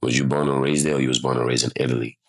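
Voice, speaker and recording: A young man from Nigeria hosting a podcast, asking questions in casual chat and agreeing with his guest bluntly and with energy. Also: extremely low pitch. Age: young adult. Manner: animated, blunt, quick to agree. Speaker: podcast host.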